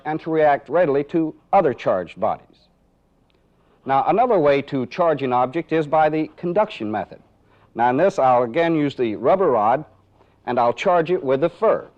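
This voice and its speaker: In a slightly high voice, a male training film instructor narrates a live demonstration, explaining methodically step by step and raising rhetorical questions. The audio is dull and band-limited, typical of a 1980s training film.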